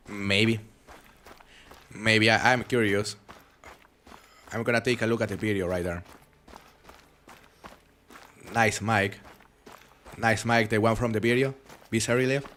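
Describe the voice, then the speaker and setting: Slight background noise accompanies a young man with a foreign accent who talks a little slowly, with long pauses, in a voice on the low side. He's live-streaming a hunting game and reading chat, rambling in a relaxed, chatty manner and frequently starting over.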